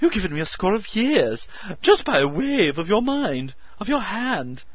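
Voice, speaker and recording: A man voicing a skinny, eccentric male alchemist who talks in a shrill, piping, hysterical gush. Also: wildly swooping pitch, unhurried, husky, dry recording, dull audio, exaggerated voice. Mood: hysterically excited. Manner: hysterical, breathless, gushing.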